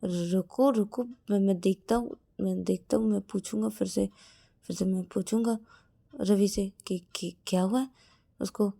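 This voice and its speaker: A woman's voice: medium pitch, steady tone, unhurried, creaky, mellow. A woman voicing Shruti, a nervous young woman who stammers over every word. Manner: constant stammering.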